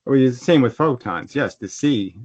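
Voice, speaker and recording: A man on a video call explaining his own physics model in casual speech, often restarting his sentences and growing animated when challenged. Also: mid-range voice, moderate pace, no echo. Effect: heard over a video call. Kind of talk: conversational explaining. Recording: dull, dry video call audio.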